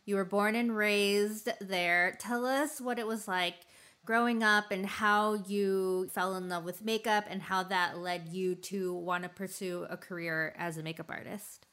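A woman co-hosting a podcast, asking the guest questions in a measured way. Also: medium pitch, fairly even intonation, fairly bright tone, clean tone. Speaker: podcast co-host. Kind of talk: interview questions.

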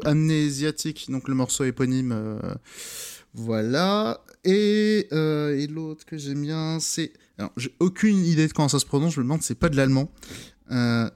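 A man's voice: fairly high pitch, a little mellow, clear, resonant tone. Hesitant male co-host searching for words. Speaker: podcast co-host. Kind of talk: casual podcast chat.

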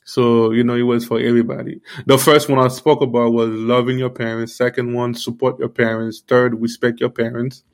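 A man giving an earnest, informal sermon, repeating himself often and filling pauses with "you know". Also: medium pitch, little pitch movement. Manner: earnest, repetitive, many fillers like "you know". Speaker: preacher.

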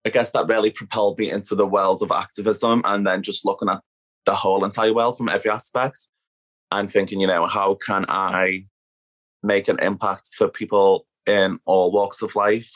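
Speaking from home as a podcast guest, a Liverpool activist with a strong Scouse accent is candid and casual, sprinkling in "like." Her bass voice holds a steady tone at normal speed.

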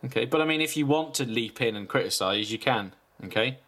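A man, deadpan in a comedic casual chat as podcast co-host. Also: mid-range voice, a little fast. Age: 20s. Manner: deadpan, reading a list with asides.

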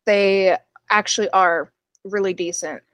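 A woman's voice: medium pitch, steady tone, measured pace, fairly bright tone, dry recording. Laid-back woman guest on a podcast. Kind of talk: casual chat.

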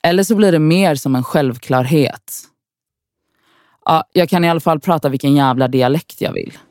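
A woman's voice: low voice, a little mellow, dry recording. A woman from Sweden in a scripted inner monologue, wry, frustrated and profane as she talks to herself.

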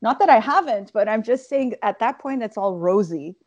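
A woman in her thirties, an interview guest, telling her career story in an animated way with quick asides. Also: a little high, no room sound, highs cut off.

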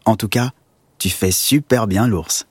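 A man's voice: fairly low pitch, a little fast, dry recording, natural voice. A man doing a nervous, teasing schoolboy.

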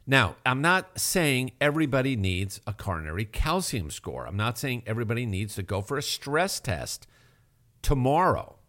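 A man's voice: medium pitch, big pitch swings, moderate pace, a bit bright. A male health show host explaining heart tests in an emphatic manner, asking rhetorical questions. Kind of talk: radio health talk.

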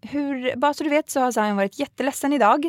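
A woman's voice: high voice, dry recording, studio quality, voice pushed up, lightly acted. A woman imitating a stern, scolding preschool teacher. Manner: lecturing, scolding. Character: stern, passive-aggressive female preschool teacher.

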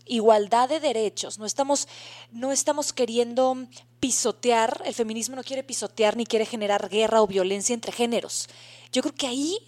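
Mexican woman cohosting a podcast, slightly high voice, earnest, lots of restarts. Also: a little mellow. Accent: Mexican Spanish. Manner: earnest, explaining, with frequent restarts. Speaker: podcast co-host. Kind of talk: casual chat.

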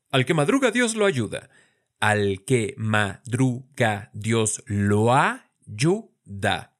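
A man explaining in a clear, steady voice at a middle pitch. He slows right down to pronounce words syllable by syllable, and now and then drops in a lightly humorous remark. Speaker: teacher. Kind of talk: scripted educational explanation.

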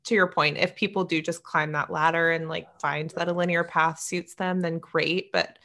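Chatty young woman, slightly low. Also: fairly even intonation, a bit bright. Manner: chatty, enthusiastic, quick to laugh. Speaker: podcast co-host. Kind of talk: casual chat.

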